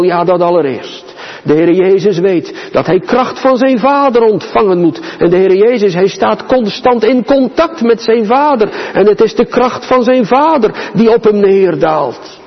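A man preaching a sermon to his congregation, slow and solemn, with dramatic pauses and emphasis. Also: sits high. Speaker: pastor. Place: church. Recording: dull, reverberant church hall.

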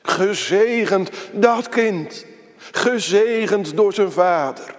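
A man preaching a sermon to his congregation, slow and emphatic, quoting scripture in a solemn tone. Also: high voice, darkish tone. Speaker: pastor. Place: church. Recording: church hall reverb.

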